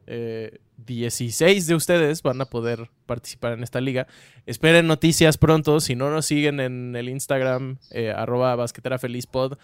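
A man's voice: mid-range voice, smooth, no echo. A man co-hosting a podcast, making casual announcements and chatting. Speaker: podcast co-host.

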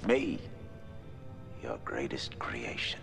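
A man playing a menacing, taunting villain with a gravelly voice in dramatic film dialogue. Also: extremely low pitch, sing-song, slow, a bit bright, faint music behind, exaggerated voice. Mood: sinister taunting.

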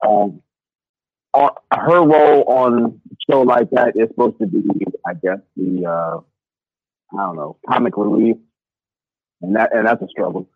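A man calling into a podcast over a Bluetooth headset, his voice gurgling and muffled as if underwater, talking haltingly with many fillers. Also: medium pitch, big pitch swings, vocal fry, dry recording. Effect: muffled gurgling underwater-sounding audio. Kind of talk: casual opinion chat. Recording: muffled lo-fi headset call line.

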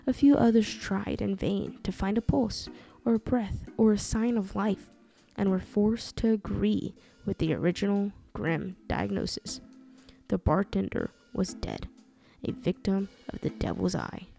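A woman reading a dark folk tale aloud in a measured, dramatic storytelling style. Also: medium pitch, vocal fry. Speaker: narrator. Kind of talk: scripted storytelling narration. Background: soft music.

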